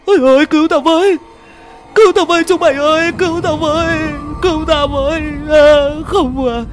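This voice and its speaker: A man's voice: very high-pitched, moderate pace, faint music behind, voice pushed up. A man voicing a terrified old male landlord who screams and begs for his life. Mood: shrieking terror. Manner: screaming, begging in panic.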